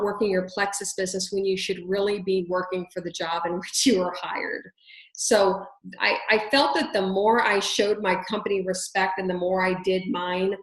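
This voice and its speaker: A woman giving casual sales tips on a video call, chatty and bubbly, acting out the pitches she quotes. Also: echoey room, poor audio. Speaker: sales team trainer.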